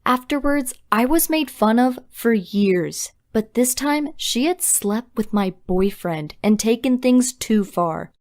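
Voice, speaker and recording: A young woman narrating a scripted storytime confession in a brisk, dramatic way. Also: on the high side, expressive, darkish tone.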